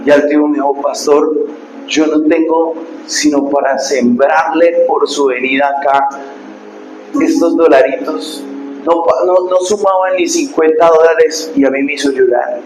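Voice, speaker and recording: A man pastor, preaching a sermon and telling stories, dropping to hushed asides and rising to loud preaching. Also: on the high side, fairly even intonation, measured pace, music in the background. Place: church hall. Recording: echoey hall with background noise.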